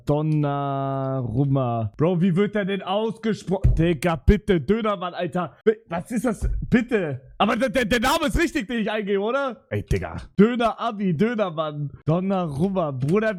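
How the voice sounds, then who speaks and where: High-voiced young man, slangy streamer chat. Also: big pitch swings, moderate pace, hardly any pauses. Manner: slangy, swearing, repeats "Digga" and "Bruder"; flustered, rambling. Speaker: live streamer. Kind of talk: casual live-stream chat.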